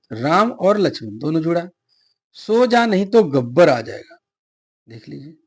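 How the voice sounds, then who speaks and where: A middle-aged male teacher with a husky, slightly high voice. He explains grammar patiently, asks a question and then answers it himself, and works through spoken examples. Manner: asks viewers to subscribe and comment. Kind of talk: Hindi grammar lesson for exam prep.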